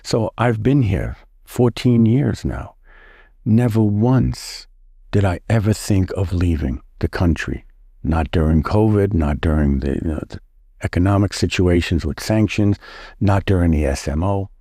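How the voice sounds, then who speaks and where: Middle-aged guy from the us, lowish dark voice, stops and restarts a lot, dry close sound. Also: lively intonation, husky, dry recording. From United States. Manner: halting, with many restarts and repeated words. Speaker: interview guest. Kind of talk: casual interview answers.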